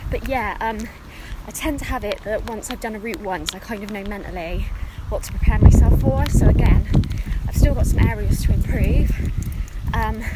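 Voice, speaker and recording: A woman's voice: fairly high pitch, heavy background noise. Female fitness vlogger, casual and chatty, speaking with exertion while running.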